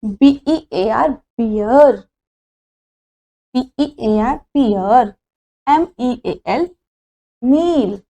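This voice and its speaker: A woman's voice: on the high side, lively intonation, extremely slow, pauses often, warm tone. A woman teacher with an Indian accent, giving a phonics lesson in Hindi and English, spelling each word letter by letter before reading it.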